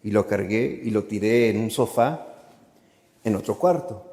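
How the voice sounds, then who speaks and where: A man's voice: lowish voice, a little slow, mellow. A man, an Augustinian friar, telling a personal testimony in a parish church, acting out quotes and dropping into English phrases. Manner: vivid storyteller who acts out quotes and slips into English phrases. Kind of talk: storytelling testimony. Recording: long church reverb.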